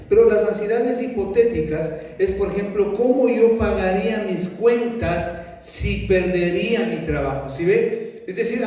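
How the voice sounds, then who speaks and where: High-voiced pastor preaching in an echoey hall. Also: male voice, warm tone, recorded from a distance. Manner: earnest, repetitive teaching with rhetorical questions and restarts. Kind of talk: sermon.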